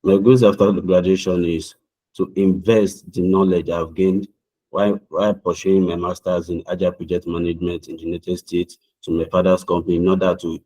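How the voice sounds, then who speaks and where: In a rough recording, a young Nigerian man with a Nigerian accent works through mock visa interview questions on a video call, sounding earnest and formal and often restarting his words. His voice sits low with a dark tone, and his delivery is flat and a little fast.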